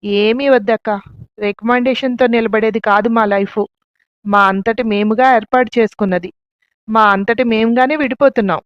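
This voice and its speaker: A woman voicing a heartbroken young wife, weary and quietly defiant. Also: a little high, fairly even intonation, normal speed, clear, resonant tone, dry recording, lightly acted. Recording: dull lo-fi, dry.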